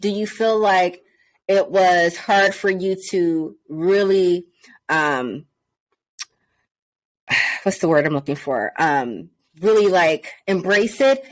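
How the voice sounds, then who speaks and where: Woman interview host, fairly low voice, casual chat, rambling questions. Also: measured pace. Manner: rambling questions, laughs easily.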